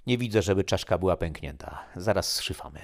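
A man voicing a calm, matter-of-fact male surgeon in a spoken story, reassuring a young patient. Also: deep voice, a little fast, pitched above the performer's own voice. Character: calm brisk male surgeon, middle-aged.

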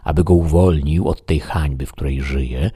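Very deep husky male narrator. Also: moderate pace, dark tone, no room sound, studio quality. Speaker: audiobook narrator. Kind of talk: scripted narration.

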